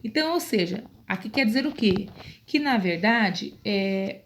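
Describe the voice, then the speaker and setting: A woman's voice: mid-range voice, lively intonation, a little slow. A Brazilian woman teacher explaining a grammar lesson patiently, often checking in with her students. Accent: Brazilian Portuguese. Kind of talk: online Portuguese grammar lesson.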